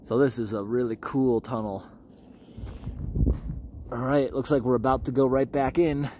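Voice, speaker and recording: A man's voice: medium pitch, steady tone, normal speed, warm tone, a little hiss or hum. Casual man narrating on the move. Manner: casual, chatty narration while exploring. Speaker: urban explorer vlogger. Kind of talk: walking commentary. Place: abandoned railroad tunnels and snow sheds, on foot.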